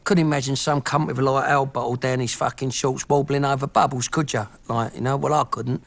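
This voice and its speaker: A man's voice: mid-range voice, steady tone, brisk, gravelly. A middle-aged Cockney man recalling his youth in a documentary interview, brash and full of swearing. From East London. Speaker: band member interviewee.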